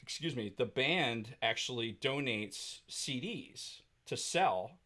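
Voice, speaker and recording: A man's voice: medium pitch, expressive, slow pace, pushed and bright. A man co-hosting a casual podcast, ranting angrily and swearing heavily. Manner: heated, profane ranting. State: angry. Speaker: podcast co-host.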